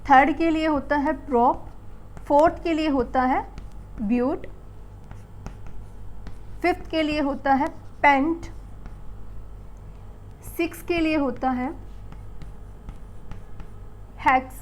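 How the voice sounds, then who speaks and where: A woman's voice: high-pitched, slow pace, pauses often, slight background noise. A woman teaching a school chemistry class. She asks the pupils questions, answers them herself and repeats the key words. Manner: calls the pupils beta and bachche. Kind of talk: classroom lesson.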